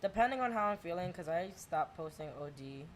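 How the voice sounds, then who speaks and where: A woman's voice: lowish voice, animated, fairly quick, slight background noise, rough recording. A woman co-hosting a podcast, sassy and teasing in laid-back casual chat. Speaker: podcast co-host.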